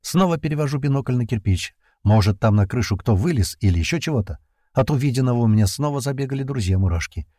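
Guy reading an audiobook, low warm voice, dry close mic. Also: expressive, fast talker, no echo. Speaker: audiobook narrator. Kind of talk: first-person audiobook narration.

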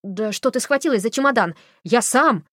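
A woman voicing an excitable, timid young male artist in an audiobook, speaking in quick, fearful outbursts. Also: fairly high pitch, no room sound, clean studio sound, voice pushed up. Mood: excited.

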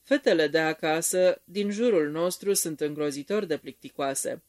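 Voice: medium pitch, darkish tone, dry recording, clean studio sound, natural voice. A reader doing an eager young man.

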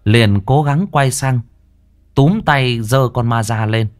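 A man's voice: mid-range voice, takes it slowly. A man narrating a ghost story in a dramatic storytelling manner.

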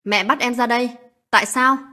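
A woman voicing a young husband, drunk and quick-tempered, who scolds his wife and argues with his mother in a spoken story. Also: on the high side, fairly even intonation, voice pushed up. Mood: scolding. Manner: scolding, loud and blunt.

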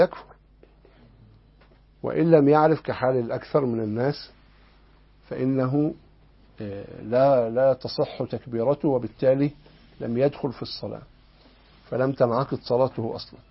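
Gravelly Egyptian teacher, lo-fi. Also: male voice, mid-range voice. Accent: Egyptian Arabic. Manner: explanatory, asks the class rhetorical questions. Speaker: Islamic law teacher. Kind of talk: explaining a legal text in a lesson. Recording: dull lo-fi lesson recording.

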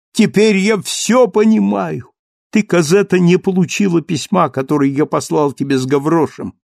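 A man's voice: high-pitched, vocal fry, no echo, studio quality, voice pushed up. A man voicing a furious young hero. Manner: shouting, impassioned outbursts. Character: young man, frantic and passionate.

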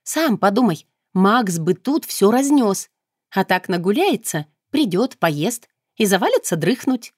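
A brash young heroine, voiced by a woman reader, talks bluntly and with a mocking edge. Her voice sits higher and brighter than the narration, on a dry close mic. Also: big pitch swings, a little slow, dry recording. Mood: teasing. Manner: blunt, teasing, matter-of-fact. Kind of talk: audiobook character voice.

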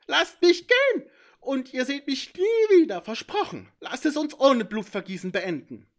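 A man voicing a shrill, arrogant male villain who cackles and taunts in a manic way. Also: big pitch swings, measured pace, heavily acted.

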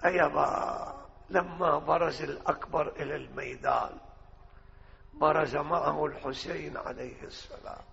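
High, gravelly Iraqi preacher in a hall. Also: male voice, steady tone, moderate pace, a bit bright. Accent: Iraqi Arabic. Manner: impassioned, shifts between speech and melodic chanting. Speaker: religious orator. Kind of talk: mourning sermon with chanted lament. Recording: dull lo-fi audio with long hall reverb.

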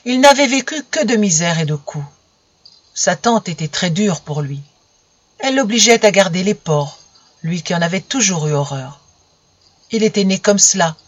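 A narrator reading a story aloud in an even, measured way. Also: mid-range voice, dry recording, lo-fi sound.

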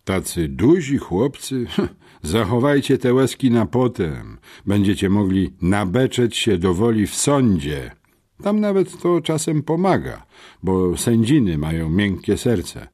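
A sneering, suspicious police officer, as a male narrator puts him on, leaning hard on the boys in an audiobook. His voice climbs and drops widely as he mutters and then presses, with a mellow, slightly husky tone. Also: on the low side, big pitch swings, unhurried, pitched above the performer's own voice. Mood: mocking. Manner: mocking, mutters, stern interrogator. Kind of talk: audiobook character voice.

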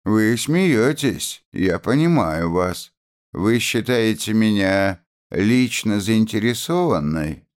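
A stern, earnest young woman, put on by a man reading a novel aloud, speaking firmly and quickly taking offense. Her lines sit well above the reader's usual low voice. This is a storybook reading. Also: expressive. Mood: offended. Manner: earnest, firm, at times hurt.

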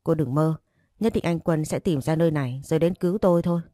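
A woman voicing a frightened but defiant young pregnant woman, in a low, mellow voice. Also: quick pace, no echo, lightly acted. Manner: defiant, pleading.

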